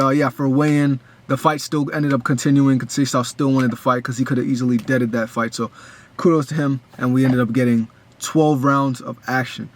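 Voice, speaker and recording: A man's voice: medium pitch, slight background noise. Rambling young man breaking down a fight. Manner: rambling, many restarts and fillers. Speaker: boxing fan analyst.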